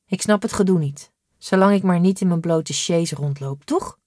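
A woman's voice: fairly low pitch, normal speed, mellow, no echo, close to an everyday voice. Earnest little boy in a storybook, woman reading him, matter-of-fact, dry sound. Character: young boy, earnest and quirky.

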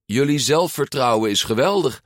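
A man voicing an outspoken, quick-witted young girl in a storybook reading. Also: medium pitch, animated, dry recording, studio quality, voice pushed up, close to an everyday voice. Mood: confident. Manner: determined, outspoken.

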